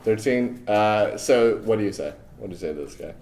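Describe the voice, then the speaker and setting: Animated male game master, slangy. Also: lowish voice, fairly quick. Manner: loose, profane, slangy. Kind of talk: casual improvised tabletop game narration.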